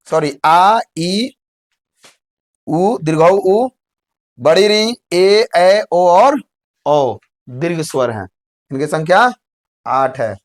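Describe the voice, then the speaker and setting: Man, school exam tutor, lighter voice, repeats each point. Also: on the high side. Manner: repeats points, checks with "samjhe?". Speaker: teacher. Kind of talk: board exam lesson.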